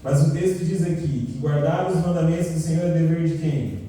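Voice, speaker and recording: A man with a São Paulo accent teaches a church Bible class, throwing questions out to the listeners and answering them himself. His voice is dark and mellow. It sounds far from the mic, with heavy echo from a big hall. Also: fairly high pitch, a little fast. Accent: Brazilian Portuguese, São Paulo. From São Paulo state, Brazil. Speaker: Sabbath school teacher. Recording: echoey hall recorded from a distance.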